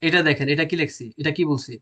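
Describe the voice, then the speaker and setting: Male teacher, a bit high-pitched, quizzes the class and answers himself. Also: fast, sharp tone. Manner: explains step by step, asks and answers his own questions. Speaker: language teacher. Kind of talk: classroom lecture.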